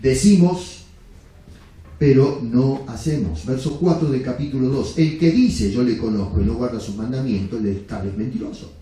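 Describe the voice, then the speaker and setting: A man's voice: mid-range voice, brisk, hardly any pauses, dark tone. A man preaching a blunt, emphatic sermon with rhetorical questions. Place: church sanctuary. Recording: very echoey church hall.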